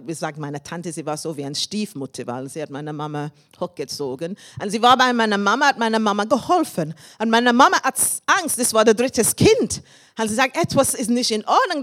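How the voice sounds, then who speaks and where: Woman, sermon, animated storytelling, frequent laughter, fairly high voice. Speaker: preacher.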